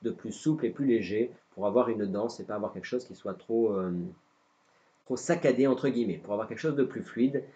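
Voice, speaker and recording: A man's voice: fairly low pitch, a little fast, dark tone, dull audio. A man with a non-native French accent teaching a live guitar lesson, hesitant and self-deprecating with many fillers. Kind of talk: live-streamed music lesson.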